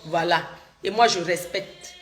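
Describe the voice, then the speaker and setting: A middle-aged woman from Cameroon, sick with a cold, hosts a casual livestream where she repeats herself and addresses viewers' comments directly. She speaks a little slowly, in a lowish voice.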